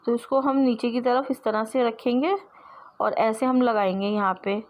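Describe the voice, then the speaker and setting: A woman's voice: a little high, fairly even intonation, normal speed. A woman teaching sewing step by step, explaining patiently and repeating herself as she works with her hands.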